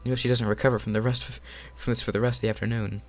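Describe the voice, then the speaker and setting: A man's voice: medium pitch, flat delivery, rapid-fire, soft background music. A young man reading a visual novel aloud in a casual playthrough, cracking jokes and laughing often as he reads. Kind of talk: casual game playthrough narration.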